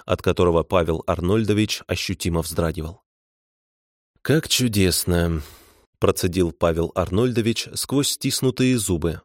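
A man reading an audiobook in a measured, ironic storytelling manner. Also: low-pitched, no echo, studio quality. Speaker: audiobook narrator. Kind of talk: scripted audiobook narration.

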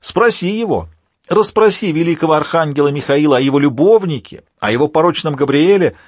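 A man's voice: mid-range voice, sing-song, normal speed, darkish tone, breathy edge, no echo, studio quality. A man voicing a wounded male villain who mocks and accuses his captors in an audiobook. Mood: shrieking. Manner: sneering and accusing.

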